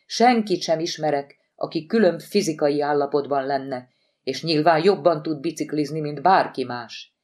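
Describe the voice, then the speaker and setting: A woman voicing a calm, reassuring male deputy director, in an audiobook. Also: low-pitched, natural voice.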